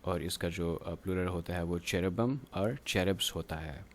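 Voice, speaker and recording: A male teacher with a deep, low voice gives a recorded grammar lecture. He works through each word slowly, pausing often. A faint hiss sits under the recording. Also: steady tone. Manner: slow, halting explanation, drawn-out pauses between words; reads textbook lines in English, explains in another language.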